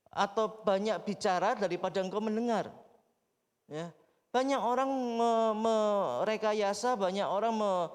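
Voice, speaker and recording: A male pastor preaching a sermon, questioning the congregation directly and telling stories with lively acted-out voices. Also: sits high. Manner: animated storytelling, acting out quoted voices. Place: church sanctuary. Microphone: livestreamed service mic. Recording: long church hall reverb.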